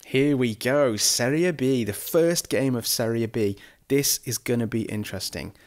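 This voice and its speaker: A man giving chatty, excitable let's-play commentary over a football management game, reacting loudly to the match. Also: medium pitch, moderate pace. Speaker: gaming YouTuber.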